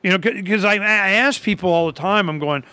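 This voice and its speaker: A man's voice: sits high, brisk, pushed and bright, no room sound. A man hosting a talk show, chatting casually and rambling, with many restarts and quoted asides. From Arizona. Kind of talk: casual chat.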